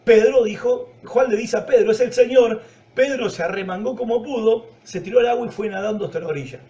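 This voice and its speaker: A man with a Rioplatense Spanish accent preaching a Bible teaching sermon, telling the story and acting out the dialogue in a lowered voice. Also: quick pace, mellow, recorded from a distance, muffled recording.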